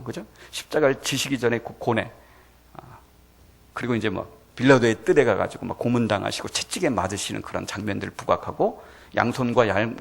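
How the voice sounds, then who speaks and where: A male pastor preaching a sermon in a church, animated and full of rhetorical questions to the congregation. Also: medium pitch, creaky, slightly rough. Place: church sanctuary.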